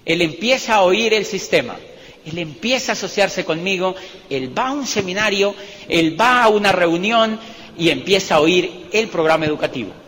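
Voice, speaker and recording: A man with a Colombian accent giving a motivational business talk, telling stories with animated repetition and self-mocking jokes. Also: high-pitched, moderate pace. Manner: animated, repeats phrases for emphasis, jokes about himself. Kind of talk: storytelling talk to a live audience. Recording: reverberant hall with faint background noise.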